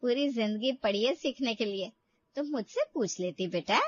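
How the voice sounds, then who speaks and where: A woman's voice: fairly high pitch, lively intonation, normal speed, highs cut off, a little hiss or hum, lightly acted. A woman voicing a kind, motherly middle-aged mother-in-law in a cartoon story, speaking soothingly. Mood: calm. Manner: soothing, motherly, calls her daughter-in-law "bahu". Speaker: cartoon character.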